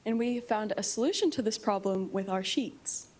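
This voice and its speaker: A young woman presenting a rehearsed startup pitch as part of a team in a meeting room. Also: normal speed, darkish tone. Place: meeting room, standing before seated judges.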